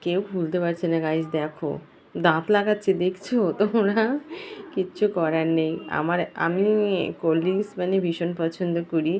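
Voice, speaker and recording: A woman's voice: lowish voice, steady tone, normal speed, darkish tone, slight background noise. Chatty young woman vlogging at home. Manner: chatty, addresses viewers directly. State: slightly hoarse. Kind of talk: casual family vlog narration. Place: home, indoors.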